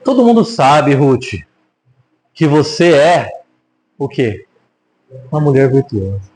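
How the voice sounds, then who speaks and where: A man's voice: mid-range voice, slow pace, low-quality recording. A man with a Brazilian Portuguese accent teaching the Bible in a casual preaching style, joking and putting rhetorical questions to his audience. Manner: lively, asks the audience rhetorical questions, jokes.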